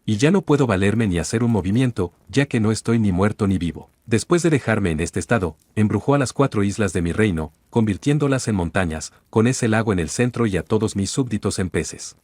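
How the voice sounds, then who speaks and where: A man's voice: fairly low pitch, animated, a little fast, hardly any pauses, a little mellow, no room sound. A man reading a storybook tale aloud as a storyteller, with dramatic delivery.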